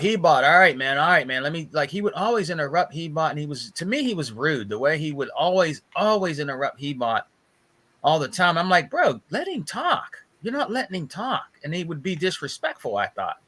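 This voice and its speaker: This man's voice is on the high side with a sharp tone. As a podcast co-host, he casually swaps gossip and stories, leaning on repeated phrases for emphasis and dropping "bro" often.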